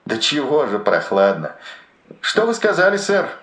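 A man's voice: fairly high pitch, huge pitch swings, a little slow, a bit bright, roomy sound, voice pushed up, heavily acted. A man voicing a dazed, rambling sailor trapped below deck, chattering in a detached, dreamy way in an audiobook. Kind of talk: audiobook narration.

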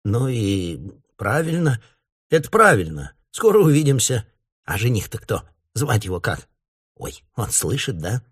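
A man's voice: medium pitch, big pitch swings, unhurried, fairly bright tone, breathy edge, exaggerated voice. A man voicing an older mother, a pensioner who fusses, scolds and teases her daughter. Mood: grumbling. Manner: fussy, scolding, teasing. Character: chatty grumbling older woman, a pensioner mother.

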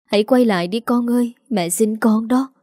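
A woman voicing a remorseful older mother in an audio story, speaking in a tearful, slow, pleading way. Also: on the high side, a little mellow, no room sound, studio quality, close to an everyday voice.

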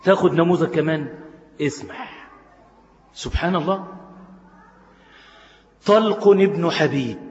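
A man with an Egyptian Arabic accent giving a sermon, telling stories in a colloquial, lively preaching manner. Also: on the high side, a little slow, long pauses. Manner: colloquial storytelling preaching, voicing quoted figures. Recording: muffled hall reverb.

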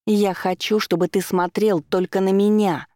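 A man voicing a spoiled, hysterical rich young woman who talks in a shrill, indignant way. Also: a little fast, mellow, no room sound, studio quality.

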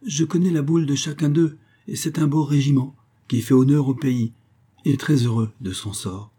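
A man reading aloud and voicing an eager, quick-talking little foundling boy in a storybook. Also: mid-range voice, fairly even intonation, dark tone, slightly rough, pitched above the performer's own voice, natural voice. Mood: excited.

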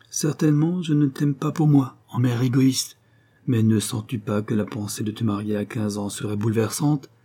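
A man's voice: mid-range voice, dark tone, slightly rough, pitched above the performer's own voice, natural voice. A man reading aloud, voicing a grave, sorrowful middle-aged noble mother in a storybook. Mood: worried.

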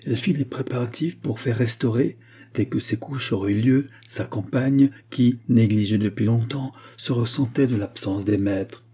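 A man narrating a classic novel aloud in a measured, even storytelling manner. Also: medium pitch, breathy edge. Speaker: audiobook narrator. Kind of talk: scripted literary narration.

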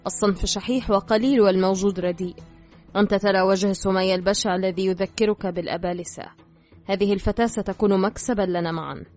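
A woman voicing a calm, scheming male thug who makes quiet threats, read in an audiobook with faint music behind. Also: medium pitch, fast, lightly acted. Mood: calm, menacing. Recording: slightly dull with faint music.

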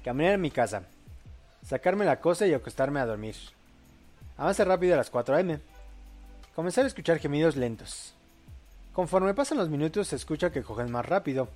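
A young man hosts a crude late-night show, reading audience posts and laughing along. His pitch sits a little high and swings widely. Faint music plays behind him. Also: animated, brisk, long pauses, darkish tone. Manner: crude, joking, laughs often, reads posts aloud. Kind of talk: casual late-night live show chat.

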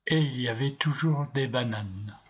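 A man narrating a scripted first-person story in a steady, unhurried way. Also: mid-range voice.

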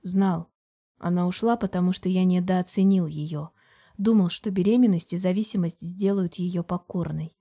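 A woman narrating an audiobook in first person with an even, measured reading. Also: fairly low pitch.

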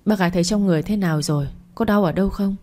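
A woman narrator voicing a courteous, brisk young female hospital doctor. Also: mid-range voice, darkish tone, slight background noise, lightly acted.

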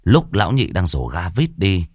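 A man narrating a comic audiobook in a lively, colloquial way. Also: low voice, moderate pace, slightly rough, dry recording, studio quality. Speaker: storyteller.

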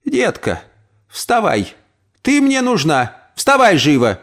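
A sharp-tongued old woman in a storybook, scolding in a high, shrill voice that leaps up and down. A man acts her out, pitching far above his own speaking voice. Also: sing-song, a little slow, creaky, exaggerated voice. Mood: furious.

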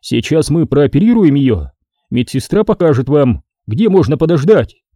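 A calm, brisk male surgeon from an audiobook , put on by a man. He speaks in a matter-of-fact, businesslike way, pitched higher than the reader's own dark voice. The sound is dry and close, with no room around it. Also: no echo.

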